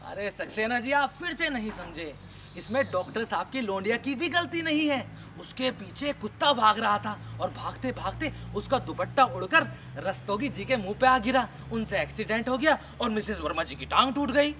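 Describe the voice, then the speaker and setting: A man's voice: sits high, expressive, normal speed, pushed and bright, faint music behind, heavily acted. A man playing a fussy male neighbor who brings complaints and patiently repeats himself at length. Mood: complaining.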